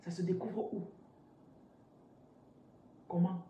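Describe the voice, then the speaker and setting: A woman in her thirties, a spiritual business coach, teaching on a live stream in an animated, interactive way and reading out viewers' comments from a chair indoors. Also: on the low side, slow pace. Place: indoors, seated on a large ornate chair. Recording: roomy echo, somewhat distant from mic, faint noise.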